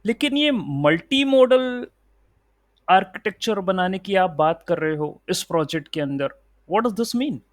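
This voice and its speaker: In a recorded coding tutorial, a male instructor with a high-pitched, lively voice explains things step by step at an unhurried pace, mixing Hindi and English. He checks in often with a quick "okay" or "right," and there's no room sound.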